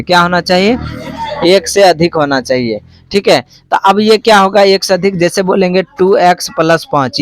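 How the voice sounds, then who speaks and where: The recording is dry, and the male math teacher's voice is high. He quizzes the class with questions he asks more than once, working call-and-response style and repeating students' answers.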